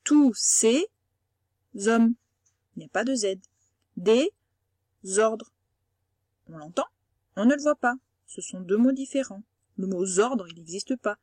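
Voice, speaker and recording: Une femme institutrice à l'français qui fait une leçon à distance pour de jeunes élèves, patiente, répétant et détachant les mots. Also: female voice, a little high, expressive, a little mellow, no room sound, studio quality. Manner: patient, explains slowly and repeats words. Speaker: primary school teacher. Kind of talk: remote lesson for young pupils.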